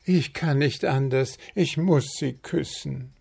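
A man's voice: medium pitch, slow pace, vocal fry, darkish tone, husky, voice pushed up, heavily acted. A man voicing a young male bird prince in a storybook, eager and romantic, with a piping voice.

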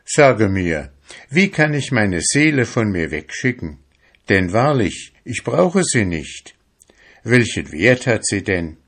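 A man's voice: lowish voice, very animated, slow, a bit bright, slightly rough, pitched above the performer's own voice, exaggerated voice. A man voicing a young lovestruck fisherman who speaks in an eager, pleading way, raised above his own voice. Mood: tender, pleading.

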